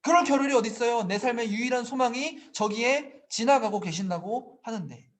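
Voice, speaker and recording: A man's voice: extremely high pitch, moderate pace. A man preaching an earnest sermon to a church youth group, often asking the listeners questions. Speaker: youth pastor.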